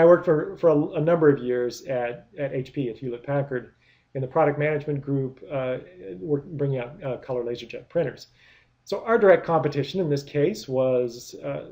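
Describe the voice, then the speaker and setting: A man lecturing in a mellow, darker voice at an ordinary pitch. He walks through his points with rhetorical questions and often restarts his phrases. The recording sounds a little dull and lo-fi. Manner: explanatory, many rhetorical questions, frequent restarts. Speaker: product management lecturer.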